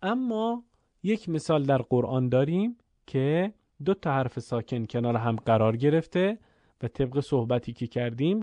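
A man teaching Quran recitation rules in a calm spoken lesson, pausing to chant examples. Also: medium pitch, dry recording. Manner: explains slowly, then chants Arabic examples.

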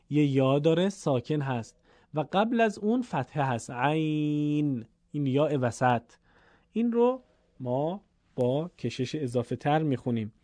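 Man teaching quran reading, patient, mellow voice, dry close mic. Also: fairly high pitch, dry recording. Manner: slow, stretched chanted recitation of examples; patient, explanatory tone. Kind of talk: recorded Quran reading lesson.

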